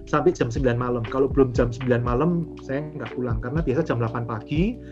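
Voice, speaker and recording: A man's voice: medium pitch, fast. A man in his forties, a guest on an interview show, telling his story casually with lots of fillers and acted-out back-and-forth. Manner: animated, acts out remembered dialogue, frequent fillers. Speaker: guest, property and franchise investor. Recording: dull lo-fi audio with music underneath.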